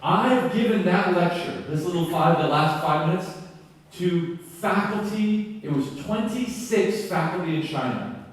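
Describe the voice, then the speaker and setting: A man giving an enthusiastic, animated conference keynote, acting out classroom exchanges as he teaches. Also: high voice, a little slow. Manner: animated, enthusiastic, acts out dialogue. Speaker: keynote speaker. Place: lecture hall. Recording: echoey hall from far off.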